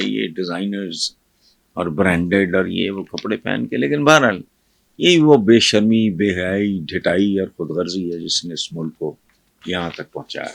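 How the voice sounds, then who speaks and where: An older male commentator from Pakistan scolds and mocks in a fiery monologue. His voice sits low with a gravelly fry, and the sound is dry and close to the mic. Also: no room sound. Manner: scornful and scolding, with bursts of loud mockery. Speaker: political commentator. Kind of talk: fiery political commentary to camera.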